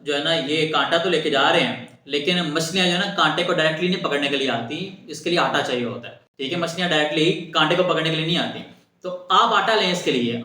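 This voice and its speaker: Man doing a smooth young shop salesman. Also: fairly high pitch, sharp tone, reverberant. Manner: persuasive, upselling patter.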